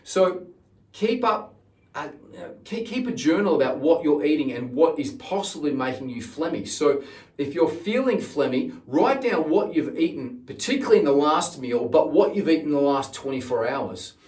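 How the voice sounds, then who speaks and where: A middle-aged singing teacher hosts his channel's informal instructional video, talking to camera, stressing key words and repeating himself often. His voice is a little high and mellow, swinging widely in pitch at a normal speed, with roomy echo from a distant microphone.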